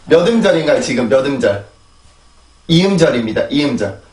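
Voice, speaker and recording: A man's voice: medium pitch, very animated, a little fast, a little mellow, echoey room, distant mic. A man teaching English pronunciation in Korean, explaining sounds and repeating drill words three times, checking in with his students. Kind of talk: pronunciation lesson. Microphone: desk microphone.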